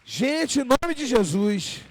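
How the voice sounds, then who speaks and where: A man preaches in a high voice, the sound dry and close. He fires rhetorical questions at the congregation and slips into the voices of the people and prayers he quotes. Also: sing-song, slow, no room sound. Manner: acts out quoted speakers and prayers. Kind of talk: sermon.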